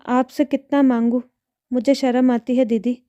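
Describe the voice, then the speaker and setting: A poor housemaid and mother pleads, ashamed and tearful, in a storybook tale, as a woman reader puts her on. The voice is high and very mellow, recorded close and dry. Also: flat delivery, normal speed, no echo, lo-fi sound, close to an everyday voice. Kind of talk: storybook narration.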